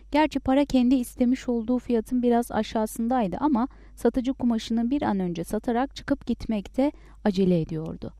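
A woman narrating a story as an audiobook in a calm, measured way. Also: mid-range voice, no echo, clean studio sound.

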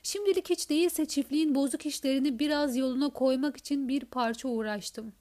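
High-voiced woman reading a novel. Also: brisk, darkish tone. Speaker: audiobook narrator. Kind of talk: scripted literary narration.

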